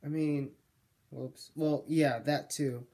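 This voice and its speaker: Rambling young male vlogger, slow mellow voice. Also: on the high side, steady tone. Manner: rambling, self-correcting, jokey. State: losing his voice. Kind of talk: casual vlog monologue.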